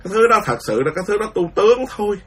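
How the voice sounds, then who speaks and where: A Buddhist monk delivers an indignant, repetitive rant during a lecture. His voice is husky and sits a little high. He sounds set back from the microphone, like a radio broadcast. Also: sing-song, racing, recorded from a distance. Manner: indignant, ranting, repetitive phrasing. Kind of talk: impassioned Dharma lecture.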